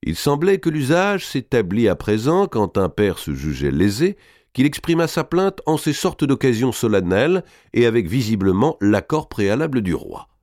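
A man's voice: mid-range voice, big pitch swings, normal speed, a little mellow, dry recording, clean studio sound. A man narrating a historical novel as an audiobook, reading expressively and dramatically.

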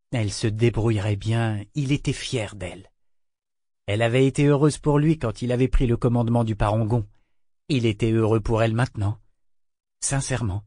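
A man's voice: medium pitch, a little mellow, dry recording. Man reading a novel aloud, dry sound. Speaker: audiobook narrator. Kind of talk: scripted narration.

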